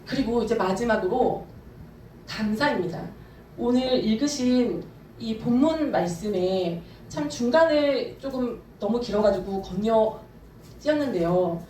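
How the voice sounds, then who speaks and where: A high-pitched woman pastor delivers a fervent, emphatic sermon, pressing her points with sudden bursts of speed. She is heard from a distance in a roomy church hall with a faint hum of ambience behind her. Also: lively intonation, measured pace, warm tone. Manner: fervent, emphatic preaching with shifts in pace. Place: church sanctuary. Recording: echoey church hall, from far off.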